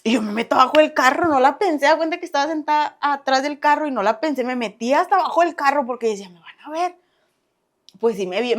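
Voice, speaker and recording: A young woman with a Mexican Spanish accent recounts her past in a relaxed podcast chat. Her voice sits a little high, and she talks in a lively, animated way, acting out what others said and laughing along the way. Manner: animated, acts out past dialogue, laughs often. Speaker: podcast guest. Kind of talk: casual storytelling interview.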